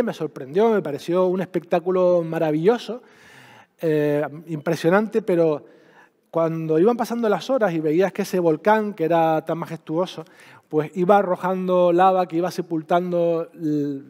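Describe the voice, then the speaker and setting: A man introducing a speaker to an audience, telling a reflective story with halting pauses. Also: high voice, mellow. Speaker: event presenter introducing a speaker. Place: public event in a large hall. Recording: echoey hall, long reverb.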